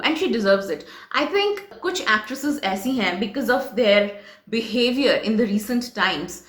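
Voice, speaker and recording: A woman's voice: fairly high pitch, a bit bright. Emphatic Bengali woman commentator, echoey room. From West Bengal, India. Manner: switches between Hindi and English, emphatic and critical. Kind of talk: opinionated reaction commentary.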